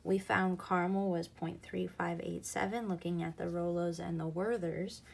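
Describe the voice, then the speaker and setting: A woman's voice: fairly low pitch, flat delivery, moderate pace, creaky. A woman teaching a recorded math lesson, explaining patiently and going back over each key point.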